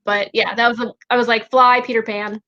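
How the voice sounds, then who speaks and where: A bright, high-pitched woman talks in a playful, giggly way, breaking into hummed snatches of songs between her remarks. Her voice has a sharp, ringing edge. The audio is dull and lo-fi, like a video call. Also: level tone, a little fast. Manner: giggly, playful, hums song lines. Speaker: co-host. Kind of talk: casual chat, singing snippets.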